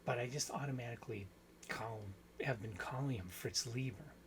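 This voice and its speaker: Man, book channel host, casual discussion, mid-pitched voice, rambling, self-correcting, faint background hiss. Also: brisk, rough recording.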